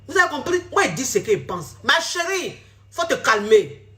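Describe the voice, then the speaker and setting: A woman speaks to her viewers as a relationship coach. Her voice sits high and bright. She is blunt and scolding and repeats her points again and again. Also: very animated, moderate pace. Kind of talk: direct-to-camera social media talk.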